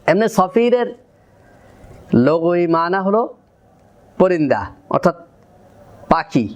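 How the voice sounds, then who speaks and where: A male Quran recitation teacher with a Bangladeshi Bengali accent gives a pronunciation lesson, explaining each step methodically before drilling the syllables aloud. His voice is high for a man, smooth and resonant, and he is animated but takes things slowly.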